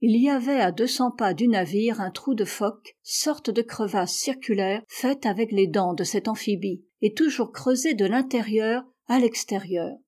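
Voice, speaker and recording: Woman reading a novel aloud, mellow tone. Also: unhurried, few pauses. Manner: voices sailors' quotes louder and higher. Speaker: audiobook reader. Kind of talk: read-aloud novel narration.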